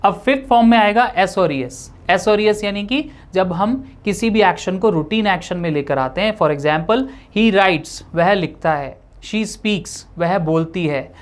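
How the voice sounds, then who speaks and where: A man teaching an English grammar lesson, explaining in Hindi with an Indian accent and slowing down to say each example sentence. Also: high-pitched.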